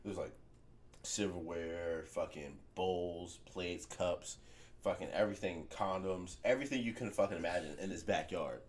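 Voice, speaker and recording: A man's voice: deep voice, moderate pace, a little hiss or hum. A man hosting a podcast, telling a story in a loose, profane way and laughing often. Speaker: podcast host.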